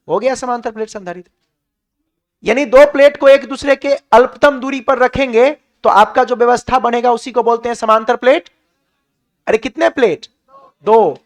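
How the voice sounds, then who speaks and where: High-voiced Bihari physics teacher. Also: male voice. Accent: Bihari Hindi. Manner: questions the class and answers himself, drills points. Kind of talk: classroom lecture.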